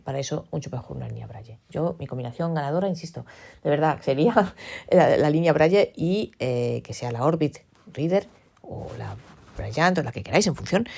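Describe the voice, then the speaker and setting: Low, gravelly-voiced woman from Spain. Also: a little mellow, no echo. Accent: Spain Spanish. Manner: chatty, repeats herself with many fillers. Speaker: podcast host. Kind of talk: casual device demonstration.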